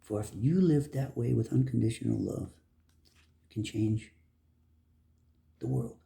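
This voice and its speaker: A man giving an earnest motivational monologue, preachy and heartfelt, swinging between emphatic bursts and soft lines. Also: mid-range voice, a little slow, vocal fry. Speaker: motivational speaker.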